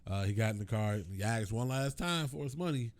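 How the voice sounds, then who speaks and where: A man's voice: medium pitch, animated, fairly quick. A man co-hosting a podcast in casual chat, retelling stories with jokes. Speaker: podcast co-host.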